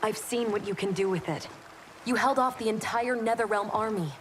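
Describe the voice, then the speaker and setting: A woman plays a troubled young soldier in a dramatic video game. She speaks informally at a middle pitch, earnest and insistent. A light ambience runs behind her. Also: moderate pace, slight background noise, close to an everyday voice. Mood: troubled, urging.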